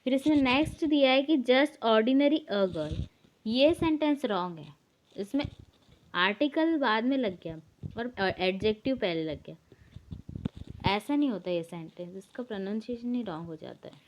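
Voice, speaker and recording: A woman teaching a grammar lesson online, reading example phrases slowly and then explaining them quickly. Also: fairly high pitch, lively intonation, muffled recording, slight background noise.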